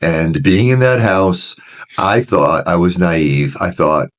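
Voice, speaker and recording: A deep-voiced man, a recovery director appearing as a podcast guest, tells his personal story slowly and candidly in conversation. He's earnest and frank, restarts often, and grows animated when he retells scenes.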